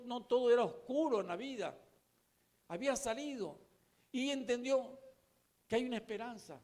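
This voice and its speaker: High-voiced preacher. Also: male voice. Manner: emphatic, repetitive preaching with direct address. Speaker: pastor. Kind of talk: sermon.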